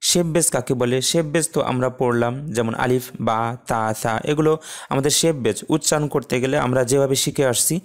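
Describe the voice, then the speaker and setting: A man with a Bangladeshi Bengali accent, teaching a Quran recitation lesson. He explains at an even, unhurried pace and stretches out each Arabic letter as he says it. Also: mid-range voice. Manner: slow, drawn-out letter pronunciations between plain explanation.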